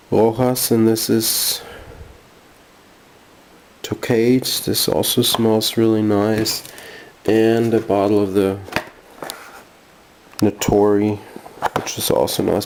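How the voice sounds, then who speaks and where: A man's voice: on the low side, darkish tone, a little hiss or hum. A jet-lagged man rambling casually through a haul vlog at home, easily sidetracked. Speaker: vlogger. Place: bedroom at home.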